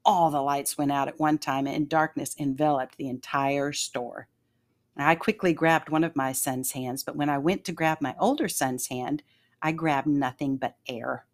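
A low-pitched woman delivers scripted devotional narration. She is calm and measured, weaving a personal story into an earnest message of faith and leaning on key phrases. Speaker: devotional podcast host.

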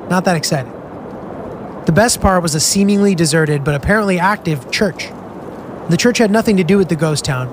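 A man's voice: on the high side, background noise. An American man narrating a travel diary for his podcast in a casual, filler-heavy way, often saying "like". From United States. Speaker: podcast host. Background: music.

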